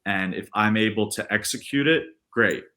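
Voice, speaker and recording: A man's voice: on the low side, moderate pace, pushed and bright. A young man in his twenties answering podcast interview questions in an earnest, rambling way, full of restarts and fillers. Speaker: podcast guest, baseball pitcher.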